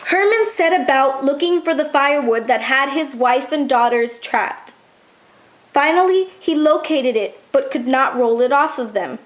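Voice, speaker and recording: A woman narrating a children's story in an even, clear reading voice. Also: sits high, moderate pace, a little hiss or hum, rough recording.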